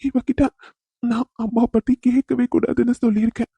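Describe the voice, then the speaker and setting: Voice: mid-range voice, flat delivery, normal speed, creaky, dark tone, slightly rough, dry recording. Voicing a grieving young police husband. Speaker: widowed father. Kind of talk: cartoon voice acting.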